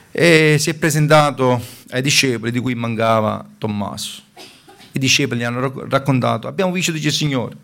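A man's voice: mid-range voice, creaky, fairly bright tone. A man preaching a sermon in a fervent way, stopping now and then to restart a word.

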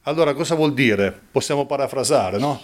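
A man preaching a sermon, asking rhetorical questions and rising sharply in pitch for emphasis. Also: a little fast.

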